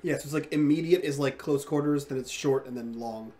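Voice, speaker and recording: A man's voice: medium pitch, brisk, dark tone. A man playing a tabletop game, casually asking about rules and explaining his character's tactics.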